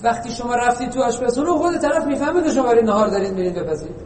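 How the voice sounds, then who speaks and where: A man delivers an informal religious lesson in a conversational, teasing way, full of rhetorical questions. His voice sits unusually high. The recording comes from far off in a long-echoing hall, with a faint hiss underneath. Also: animated, a little mellow. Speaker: preacher. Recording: echoey hall, distant mic, faint noise.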